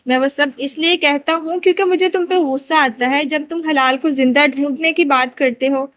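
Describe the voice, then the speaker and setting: A woman narrator voices a grieving young man in an audiobook novel, pleading and guilt-ridden. The voice sits high. His words come out as an emotional confession. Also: fairly even intonation, a bit bright.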